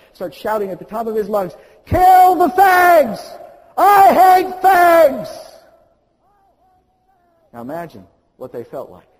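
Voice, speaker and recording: A male pastor preaching an impassioned sermon, swinging from quiet to loud. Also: medium pitch, husky, in a large hall, rough recording.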